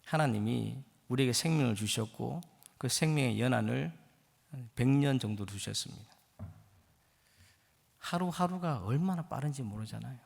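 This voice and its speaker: A man's voice: mid-range voice, animated, normal speed, creaky, pauses often, darkish tone. A man in his fifties, a guest pastor preaching a sermon with impassioned, rising exhortation in a church sanctuary. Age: 50s. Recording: long church hall reverb.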